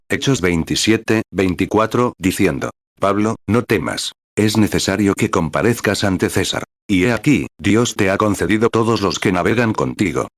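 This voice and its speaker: A man reading a translated sermon aloud in a steady, measured way, calling out verse and paragraph numbers as he retells scripture stories. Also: fairly low pitch, no room sound, clean studio sound. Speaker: sermon reader.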